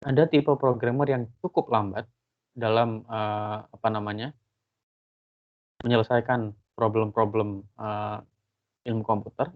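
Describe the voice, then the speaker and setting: A man's voice: lowish voice, steady tone, a little slow, pauses often. Man lecturing over a tinny line. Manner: casual, explanatory, frequent fillers. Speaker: university lecturer. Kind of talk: online lecture.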